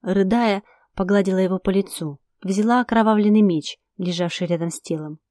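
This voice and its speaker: Mellow-voiced woman narrating dramatically. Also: mid-range voice, steady tone, brisk, dry recording. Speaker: audiobook narrator. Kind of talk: first-person fiction narration.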